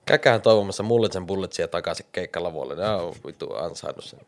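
A man's voice: sits low, expressive. A man co-hosting a casual podcast chat, dry and blunt, swearing casually.

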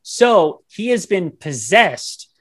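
A podcast co-host with a high-pitched, fairly bright voice retells a movie at a slow pace yet with lots of animation. His casual movie-review banter is rambling, slangy, and profane.

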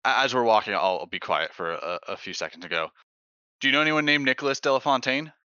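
A man playing a tabletop game in character, hesitant with many pauses and restarts. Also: mid-range voice, lively intonation, pushed and bright, no room sound, highs cut off. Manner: hesitant, lots of ums and restarts. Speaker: player.

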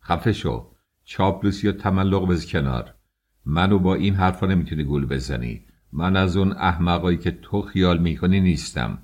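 A man reading an audiobook, voicing a pompous, short-tempered man posing as an inspector, scolding in a low voice. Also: a little mellow. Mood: angry. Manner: haughty, scolding.

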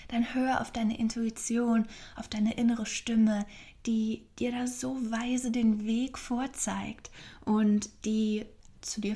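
Female self-help podcast host: warm dark tone, even pitch, earnest and encouraging. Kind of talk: reflective spiritual self-help talk.

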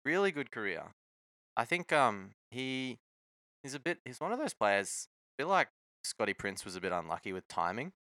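A man's voice: mid-range voice, sing-song, normal speed, bright, forceful tone, dry recording, studio quality. A man chatting casually about sport in a laid-back, slangy way. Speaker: sports talk co-host.

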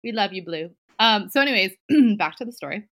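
A woman's voice: medium pitch, lively intonation, brisk, a bit bright. A woman podcast host telling a story in casual chat, chatty and giggly, full of fillers.

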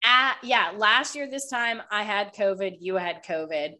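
This podcast host speaks a little slowly in a mid-range, pushed and bright voice with fairly even intonation. She's chatty and loose in casual conversation, a little congested and nasal with a slight cough, swearing often and filling in with "like".

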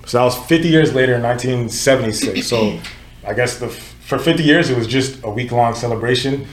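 Speaking fast in a mid-range voice, this twentysomething Nigerian podcast host leads a casual group discussion in an echoey room. He keeps it conversational, frequently corrects himself, and leans on "you know what I'm saying."

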